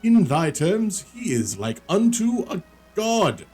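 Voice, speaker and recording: A man voicing an ancient, solemn dragon from a video game in a dragon voice, with slow, archaic pronouncements. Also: high voice, sing-song, dark tone, breathy edge, soft background music, voice pushed up, full character voice. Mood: grave, stately. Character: ancient solemn male dragon, grand and godlike. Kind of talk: reading video game dialogue in character.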